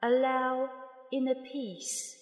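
A woman slowly leading a guided meditation in a calm, soft, unhurried voice with long pauses. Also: high-pitched. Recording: roomy long reverb.

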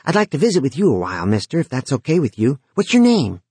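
A man's voice: mid-range voice, huge pitch swings, fast, warm tone, slightly rough, no room sound, pitched above the performer's own voice, full character voice. A man voicing a lonely, pushy dead teenage boy who talks eagerly and insistently. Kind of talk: audiobook character voice.

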